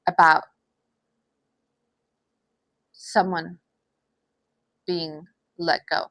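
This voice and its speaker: A woman's voice: lowish voice, fairly bright tone, dry recording. Somber, hesitant woman giving a tarot reading. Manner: hesitant, repeats phrases, many restarts; sighs often. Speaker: tarot reader.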